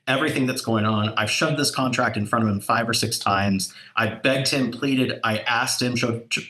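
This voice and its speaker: A man telling real estate sales stories in a casual chat, animated and jumping up in pitch when he quotes people. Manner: animated storyteller, voice jumps up for quoted dialogue. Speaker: real estate broker and podcast co-host.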